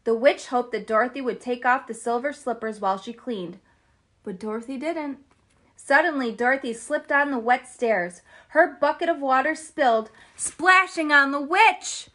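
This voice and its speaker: Woman, children's story host, animated read-aloud, chatty with viewers, fairly high voice. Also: moderate pace. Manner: animated and chatty, addresses viewers as "you guys".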